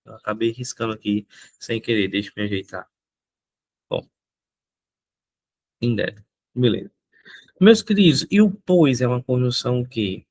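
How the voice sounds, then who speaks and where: A man's voice: mid-range voice, animated, normal speed, pauses often, a little mellow. A male teacher, teaching an upbeat exam-prep lesson. He repeats key points and keeps asking his viewers questions.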